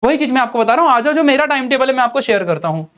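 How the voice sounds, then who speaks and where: A man's voice: extremely high pitch, animated, rapid-fire, a bit bright. A young man with an Indian accent, an online teacher giving earnest, coaxing study advice straight to his students. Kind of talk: motivational study advice talk.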